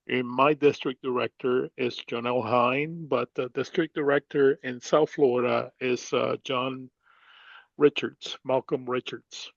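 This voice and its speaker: A man giving a webinar presentation about business loans in a halting, formal way, his audio breaking up over a bad internet connection on a video call. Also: medium pitch, vocal fry, dry recording, lo-fi sound. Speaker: government loan presenter.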